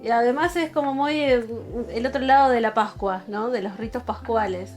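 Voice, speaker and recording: A woman's voice: fairly high pitch, normal speed, darkish tone, faint music behind. A woman hosting a podcast, chatty and playful as she asks the guest questions. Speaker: podcast host. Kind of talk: casual conversation.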